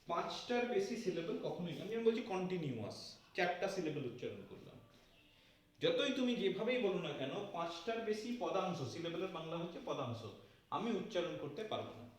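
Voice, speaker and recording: A male physics teacher talks his class through a problem one step at a time, stopping to ask whether they follow. His voice sits high, and it sounds heavily echoey, picked up from a distance. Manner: explains step by step, asks "তাই না?" to check understanding. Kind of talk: classroom lecture. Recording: very echoey room, distant mic, faint noise.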